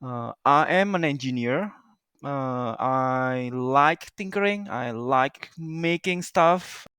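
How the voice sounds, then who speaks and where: A man from Indonesia, an engineer and inventor, talking casually in an interview, often pausing with "uh" and searching for words. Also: medium pitch, expressive, pushed and bright, smooth, dry recording, studio quality. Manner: halting, many "uh" pauses, non-native phrasing.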